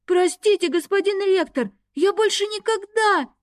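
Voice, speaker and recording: A woman's voice: very high voice, animated, normal speed, darkish tone, no echo, clean studio sound, voice pushed up. A woman voicing a frightened young male student who wails and pleads. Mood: panicked wailing. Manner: wailing, pleading. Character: panicky young male student caught climbing in.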